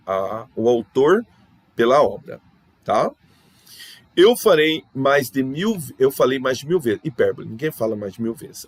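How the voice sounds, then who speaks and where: A man's voice: fairly low pitch, no room sound. A Brazilian man, a Portuguese teacher, casually working through exam questions aloud and often correcting himself. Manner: thinks aloud, corrects himself often, ends sentences with 'tá?'.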